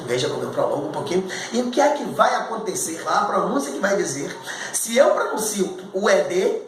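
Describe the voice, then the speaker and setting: Lively Brazilian man teaching pronunciation. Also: sits high. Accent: Brazilian Portuguese. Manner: repeats sounds for drilling, animated. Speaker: English teacher. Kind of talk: casual pronunciation lesson. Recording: echoey room with faint noise.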